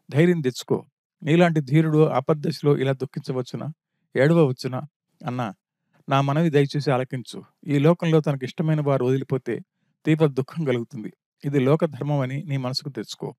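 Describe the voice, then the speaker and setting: A man reading the part of a loyal younger brother speaks in an earnest, exhorting way, pressing for courage and effort. His voice is dark and mellow, recorded dry and close. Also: medium pitch, dry recording, close to an everyday voice.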